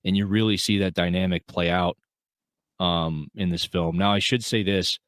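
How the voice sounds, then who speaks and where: A man's voice: sits low, steady tone, moderate pace, fairly bright tone, clear, resonant tone, no echo. A man co-hosting a film podcast, talking in an earnest, rambling way with lots of fillers and restarts. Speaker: podcast co-host. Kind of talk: casual film review chat.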